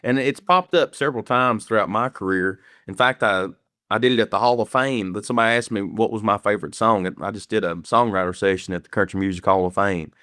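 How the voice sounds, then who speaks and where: A man's voice: fairly low pitch, fast talker, bright, forceful tone, dry recording, studio quality. A man from Kentucky with an Appalachian country accent, a singer-songwriter talking in a folksy, plainspoken way as an interview guest. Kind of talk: casual interview chat.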